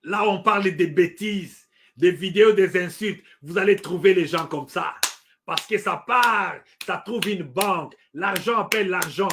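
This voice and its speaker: Against a noisy background, a middle-aged man from the DR Congo gives passionate political commentary in a Congolese French accent. His voice is high-pitched and his pace measured. He speaks emphatically, repeats his points, and hesitates with fillers.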